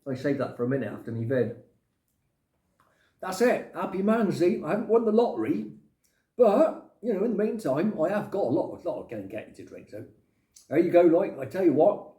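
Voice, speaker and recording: A rambling, chatty man vlogging to camera, his mellow voice swinging up and down in pitch. He drops mild swear words as he goes. The sound bounces around an echoey room. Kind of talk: casual chat to camera.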